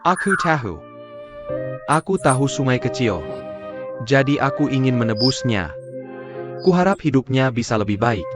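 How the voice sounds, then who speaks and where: A man's voice: mid-range voice, expressive, normal speed, long pauses, over music, lightly acted. A man dubbing a stubborn, hurt grandfather in a TV drama, arguing and pleading in turn. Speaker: dubbed drama character. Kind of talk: dubbed TV drama acting.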